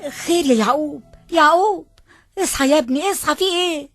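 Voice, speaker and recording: A woman playing a worried mother with an Egyptian accent, speaking in a gentle, comforting way. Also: high voice, brisk, no room sound, clean studio sound, soft background music. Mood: tender.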